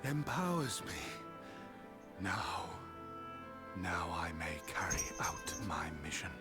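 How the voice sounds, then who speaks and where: Game villain: brooding, duty-bound ancient man, slow grave delivery, music underneath. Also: low voice, sing-song, heavily acted. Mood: swelling resolve. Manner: archaic, grave, theatrical. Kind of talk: dramatic video game voice acting.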